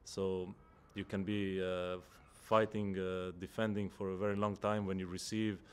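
A man in his thirties, a footballer, answering press conference questions in a measured way and searching for words, at a table microphone in an indoor press room. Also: deep voice, little pitch movement, clear, resonant tone. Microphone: table microphone in front.

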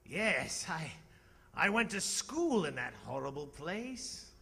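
An actor in a live staged radio drama playing a frightened, stammering old miser who pleads hesitantly. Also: male voice, on the high side, sing-song, slow pace, vocal fry, pushed and bright, breathy edge, big-room sound, heavily acted. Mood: wondering, wistful. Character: frightened, quavering old miser Ebenezer Scrooge. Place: on a theatre stage. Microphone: stand microphone with pop filter.

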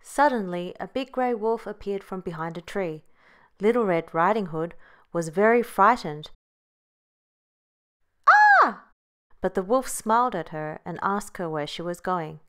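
A woman narrating a children's bedtime story in a gentle, measured read-aloud manner. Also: on the low side, clear, resonant tone.

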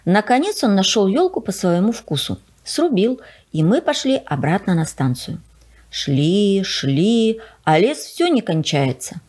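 A woman reads a children's story aloud with expressive storytelling. Her voice is husky, and her pitch moves a lot as she tells the story. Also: a little slow. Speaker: library reader.

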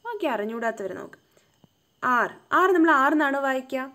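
A woman gives a home-tuition phonics lesson. She breaks each word into single sounds, drawing out every syllable and asking gentle questions to coax the learner along. Her voice sits a little high. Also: expressive, a little fast.

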